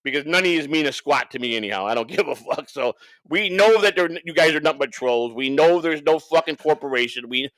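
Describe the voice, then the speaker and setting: This man's voice is a little high and a bit bright, animated and brisk, captured in a rough recording with no room sound. As a livestream co-host, he rambles through unscripted, profane rants and banter, repeating points to drive them home.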